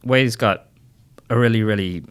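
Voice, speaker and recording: A man's voice: on the low side, moderate pace, smooth. A man co-hosting a casual podcast, explaining things patiently with analogies and frequent fillers. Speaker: podcast co-host explaining nutrition.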